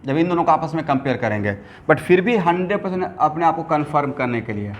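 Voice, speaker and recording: A man's voice: on the high side, lively intonation, fast. A man teaching chemistry to a class. He asks the students questions and answers them himself, and he mixes English technical terms into his speech. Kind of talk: classroom lecture. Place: classroom with students, also streamed online.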